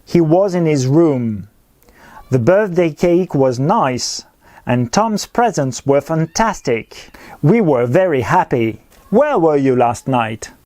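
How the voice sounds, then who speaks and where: Pronunciation drills are repeated as a man patiently and clearly teaches English grammar in a recorded lesson. His voice is a little high and expressive, at a slow pace and a little mellow.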